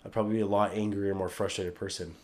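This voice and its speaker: Laid-back laughing man, low voice. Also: little pitch movement, quick pace, darkish tone. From Utah. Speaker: podcast host. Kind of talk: casual chat.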